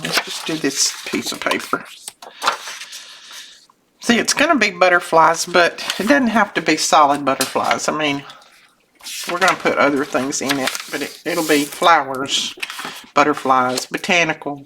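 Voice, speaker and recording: A craft channel host, an older woman with a strikingly deep voice, talks casually at a moderate pace while working at her desk, rambling homily, interrupting herself, and chuckling often. A bit of sinus congestion thickens her voice. Background noise and small clicks are clearly audible.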